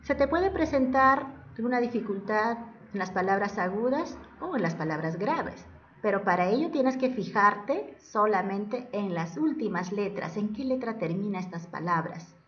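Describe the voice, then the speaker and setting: A woman's voice: medium pitch, lively intonation, normal speed. A woman teacher explaining a lesson step by step, asking questions and then answering them herself. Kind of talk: classroom lesson narration. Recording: distant, dull lo-fi mic.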